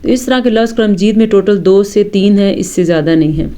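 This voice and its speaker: A woman teaches tajweed in a smooth, clear voice of middle pitch. She explains each rule patiently and then chants the verses slowly, drawing out the vowels. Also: warm tone. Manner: explains rules slowly, then recites verses drawn out and melodic. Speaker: Quran recitation teacher. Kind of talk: tajweed lesson.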